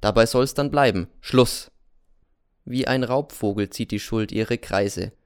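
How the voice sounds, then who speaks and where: A man narrating an audiobook in a measured, introspective first-person telling. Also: fairly low pitch, clean tone, dry recording, clean studio sound.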